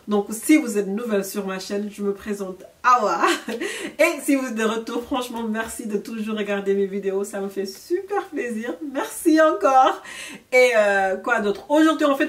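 A young Senegalese YouTuber whose first language is French chats candidly in a storytime vlog, laughing a lot and slipping in English words. Her voice is on the high side, and the mic sits at a distance, with the camera framing her from the chest up.

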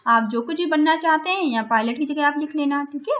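A high-voiced woman teaches an online lesson for young children. She goes through each word slowly in Hindi and English, with a patient "ठीक है" after each step. The recording sounds a little dull and lo-fi. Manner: explains in Hindi and English, repeating words slowly.

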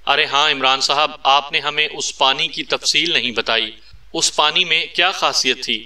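A man's voice: fairly high pitch, steady tone, moderate pace, pushed and bright. A man voicing a curious, respectful male agent in a read-aloud story, asking polite, puzzled questions. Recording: distant mic.

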